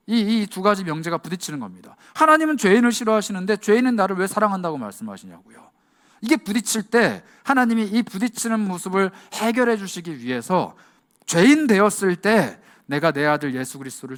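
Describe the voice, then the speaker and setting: A high-voiced male youth pastor preaches a passionate sermon, dropping to a hush on key words and acting out the lines he quotes.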